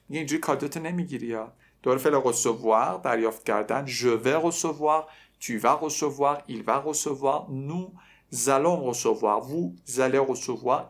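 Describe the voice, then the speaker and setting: Give me a young man teaching a language lesson, drilling phrases slowly, joking now and then. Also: medium pitch. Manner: repeats phrases slowly, conjugates verbs aloud, joking asides. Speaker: French teacher.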